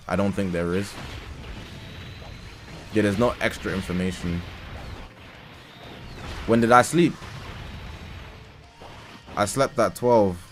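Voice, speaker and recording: A man live-streaming, talking casually, reading game update notes aloud and reacting, a little tired. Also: low-pitched. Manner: chatty, reads patch notes aloud and reacts. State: tired, yawning. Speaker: livestreamer.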